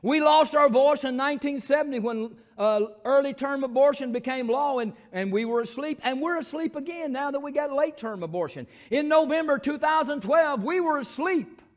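A man with a Southern accent, a pastor preaching a sermon in church, moving between shouted scripture and quiet, folksy asides. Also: normal speed, few pauses. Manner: preaching, swings from shouted proclamation to low asides. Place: church sanctuary.

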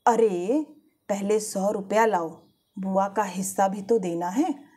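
A woman voicing a practical, grumbling middle-aged mother, with a husky voice. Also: mid-range voice, slow pace, warm tone. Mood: brisk.

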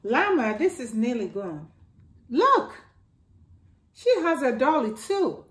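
A middle-aged woman reads a children's picture book aloud for storytime, slowly and expressively, her voice jumping high for exclamations and a toy's voice. She's indoors in a living room by a staircase, and the room sounds echoey.

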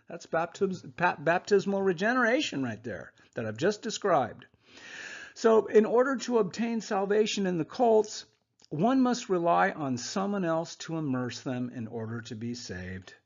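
A man's voice: high-pitched, big pitch swings, unhurried, vocal fry. A man giving a conversational Bible lesson over slides, often checking in with "okay?" asides. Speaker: Bible teacher. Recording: muffled lo-fi voice recording.

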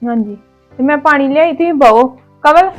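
A woman with a Punjabi accent playing a resentful sister-in-law in a family drama, curt and sharp with her visitor. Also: high voice, normal speed, muffled recording, soft background music.

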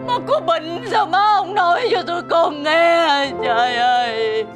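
An actress playing an emotional, devoted daughter-in-law, pleading and tearful. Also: female voice, very high-pitched, unhurried, music in the background.

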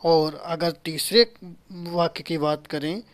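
A man in his thirties gives a whiteboard grammar lesson in a small indoor room, recorded by a camera a few feet away. He speaks at an unhurried, deliberate pace. He keeps repeating key terms and asking questions he then answers himself. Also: on the high side, steady tone. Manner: explains slowly, repeats key terms, asks rhetorical questions. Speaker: English grammar teacher.

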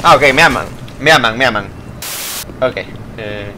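A man doing loud let's-play commentary, swearing, yelping and ranting at the game. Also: mid-range voice, a little slow, slight background noise. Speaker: gaming YouTuber.

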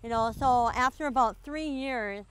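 Her voice runs a little high and fairly bright, at a normal speed, with slight background noise. She's a middle-aged Minnesota farmer showing someone around her farm outdoors for a casual interview. Her manner is relaxed and homespun, full of "you know."

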